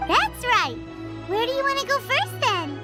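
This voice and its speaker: A woman's voice: very high-pitched, big pitch swings, measured pace, loud music behind the voice, heavily acted. Tiny female fairy companion, video game, bubbly, blunt, sing-song up and down. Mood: chirpy.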